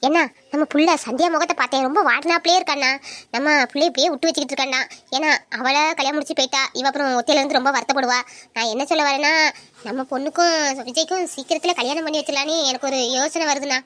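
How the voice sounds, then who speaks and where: Woman doing a talky village auntie, high voice, persuading. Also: fairly even intonation, rapid-fire, a bit bright. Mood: earnest. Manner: explaining, persuasive. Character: caring village aunt, practical and talkative.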